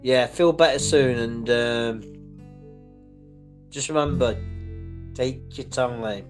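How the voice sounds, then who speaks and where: A man's voice: medium pitch, takes it slowly, soft background music. A middle-aged man from the UK hosting a livestream, chatting casually and reassuringly as he reads viewer comments. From United Kingdom. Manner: rambling and reassuring, with restarts. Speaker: livestream host. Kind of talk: casual live-stream chat reading viewer comments.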